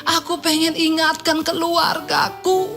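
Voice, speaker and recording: A woman preacher acts out a rich man in torment, begging and anguished, as he pleads to be let go home. The voice sits high, with faint music underneath. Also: flat delivery, unhurried, fairly bright tone, full character voice. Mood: pleading.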